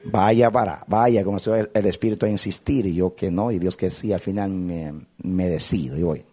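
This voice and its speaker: A male pastor telling a story in a sermon, dramatic, swinging from shouts to hushed tones. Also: low voice, fairly even intonation, fairly quick.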